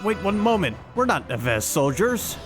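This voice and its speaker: A man's voice: sits high, big pitch swings, normal speed, pitched above the performer's own voice. A man voicing an earnest, reluctant young mech pilot who pleads and protests, reading game dialogue aloud. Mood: protesting. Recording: loud game music behind.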